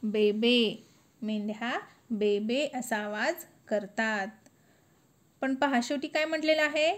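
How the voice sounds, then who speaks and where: Female teacher, high bright voice, very slow sing-song recitation for kids. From India. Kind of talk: classroom lesson reciting a poem.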